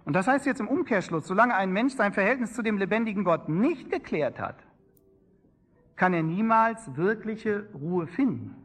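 A man's voice: high-pitched, fairly bright tone. A man preaching a sermon with an emphatic, rising and falling cadence.

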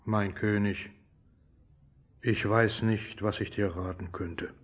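A loyal courtier telling his story solemnly. His voice is fairly low, with deliberate dramatic phrasing and a slightly muffled sound. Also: fairly even intonation, slightly rough. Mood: troubled. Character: loyal royal courtier recounting events as storyteller. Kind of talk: dramatised scripted narration.

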